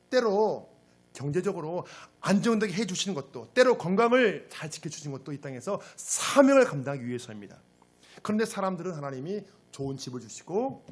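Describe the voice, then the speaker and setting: Husky-voiced pastor preaching with lively pitch. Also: male voice. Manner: dramatic, swings into emphatic rhetorical questions; addresses the congregation directly. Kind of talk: sermon. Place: church service.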